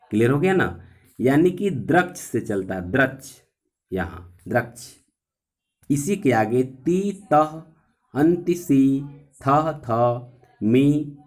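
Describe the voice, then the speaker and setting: A man teaching a grammar lesson, patiently reciting word forms and checking that students understood. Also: medium pitch.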